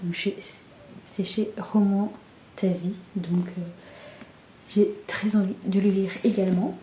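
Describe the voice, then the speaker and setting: Soft-spoken young woman, half-whispering. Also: medium pitch, level tone, slow. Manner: soft, often half-whispered, with many fillers. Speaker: book vlogger. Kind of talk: casual book haul chat. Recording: echoey room with faint background hiss.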